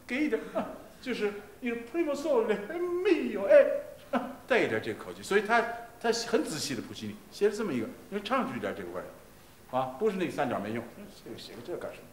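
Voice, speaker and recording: A man teaching voice in a masterclass, stopping to sing short phrases as examples, in a halting, repetitive way full of fillers. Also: on the high side, wildly swooping pitch, a bit bright. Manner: breaks into sung Italian phrases to demonstrate. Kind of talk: masterclass coaching a singer. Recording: roomy archival class recording, faint hiss.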